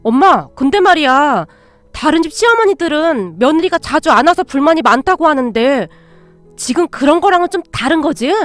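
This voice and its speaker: A woman's voice: high voice, very animated, normal speed, dry recording, faint music behind. A woman voicing a placating adult daughter. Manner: placating, gentle. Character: adult daughter, soothing and reasonable.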